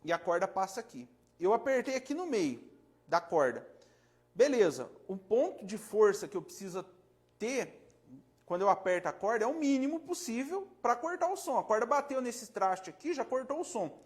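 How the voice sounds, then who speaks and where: A Brazilian man, a luthier, explaining frets casually in a relaxed, rambling way, demonstrating with his hands and often checking the viewer is following. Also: high-pitched, normal speed. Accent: Brazilian Portuguese. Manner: relaxed, rambling, self-correcting.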